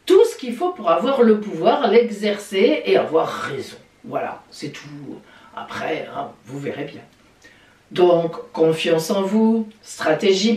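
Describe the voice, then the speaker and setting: Lively, chatty woman astrologer. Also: mid-range voice. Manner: lively and chatty, with playful exclamations. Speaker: astrologer and psychic. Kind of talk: weekly horoscope video talk. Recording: echoey room, voice a bit distant from the mic.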